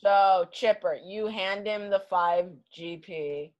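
A woman acting as game master, narrating a tabletop game casually in a halting, improvised way. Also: medium pitch, dull audio.

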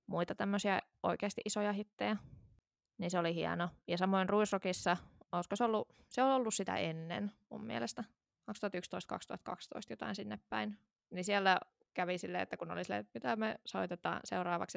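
A woman in her thirties co-hosts a podcast, chatting casually and rambling with lots of fillers and restarts. Her mid-range voice is gravelly. The recording is studio quality with no room sound.

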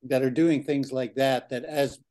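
A man's voice: medium pitch, steady tone, measured pace, dark tone. Earnest older man co-hosting a podcast. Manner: reflective, earnest, with fillers. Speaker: podcast co-host. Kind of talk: casual chat.

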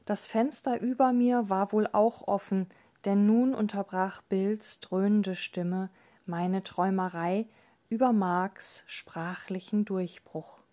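An audiobook narrator, a woman with a medium-pitched voice, reads a novel aloud. Her scripted narration is calm and measured.

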